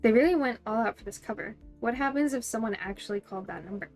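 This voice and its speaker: A woman's voice: fairly high pitch, fast talker, darkish tone, soft background music. Bubbly woman streamer reading game text. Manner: bubbly, giggly, playful asides. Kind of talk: reading game text aloud with excited reactions.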